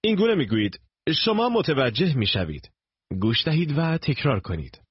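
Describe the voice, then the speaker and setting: A man narrating a recorded language course in slow, deliberate, instructive steps. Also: on the high side, wildly swooping pitch, husky, no room sound. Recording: dull lo-fi tape recording.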